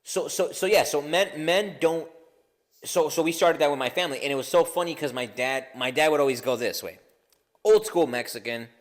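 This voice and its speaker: A man's voice: fairly high pitch, fairly quick, in a large hall. Man in loose, swearing podcast banter. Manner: profane, laughing, rambling with restarts. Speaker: podcast co-host.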